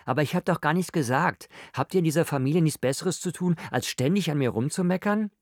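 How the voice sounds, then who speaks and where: A man's voice: fairly high pitch, fast talker, no echo, clean studio sound, pitched above the performer's own voice, lightly acted. A man voicing a sulky, touchy young woman who complains in a raised, whiny tone in an audiobook.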